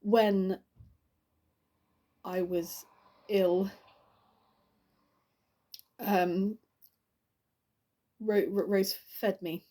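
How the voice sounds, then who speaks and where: An actress playing a grieving woman delivering a eulogy for her friend, halting and stammering with many restarts, in an audition monologue. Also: medium pitch, steady tone, mellow. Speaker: actor.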